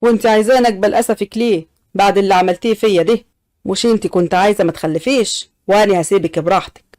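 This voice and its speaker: A woman's voice: mid-range voice, racing, darkish tone, no room sound, clean studio sound, lightly acted. A woman voicing a devoted young husband, talking earnestly and with reproach in an audio story. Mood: hurt. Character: young adult man, devoted, pleading husband.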